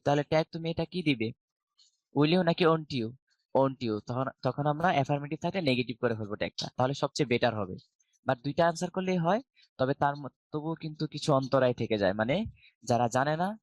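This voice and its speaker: A man's voice: medium pitch, no room sound. A middle-aged man with a Bangladeshi accent teaching an online English grammar class. He explains step by step and asks the students questions, then answers them himself.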